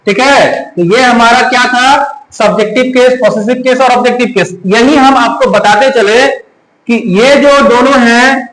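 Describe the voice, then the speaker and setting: A man's voice: extremely high pitch, a little slow, a bit bright. A man teaching a grammar lesson to a class, asking questions and repeating the students' answers, switching between Hindi and English terms. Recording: echoey classroom, faint room noise.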